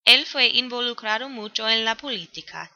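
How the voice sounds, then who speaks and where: A woman's voice: a little high, lively intonation, normal speed, pushed and bright, dry recording. Woman student reading her poem report off a script, dry close sound, kinda muffled lo-fi. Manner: reads a prepared script evenly, with grammar slips. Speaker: student presenting a poem analysis. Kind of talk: read-aloud school presentation. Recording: dull, dry lo-fi recording.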